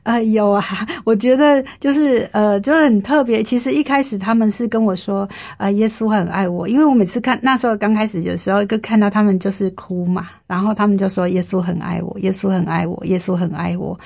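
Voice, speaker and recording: A woman's voice: mid-range voice, brisk, few pauses, darkish tone. A woman in her fifties earnestly sharing a personal faith testimony in an interview, repeating herself and using many fillers. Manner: earnest, emotional storytelling with frequent fillers and repetition.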